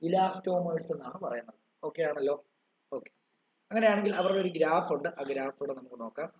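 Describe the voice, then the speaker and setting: High-pitched teacher guy with a malayali accent, asks the class stuff then answers it, dull echoey recording. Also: lively intonation, fast, darkish tone. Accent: Malayali English. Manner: asks questions then answers them himself, dictates notes. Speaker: physics teacher. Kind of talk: online class lecture. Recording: dull roomy recording with faint noise.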